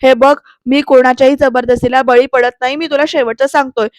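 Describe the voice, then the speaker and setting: A woman reading the lines of an angry, stubborn young man who refuses to eat, shouting them indignantly. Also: very high-pitched, flat delivery, fairly quick, smooth, no echo.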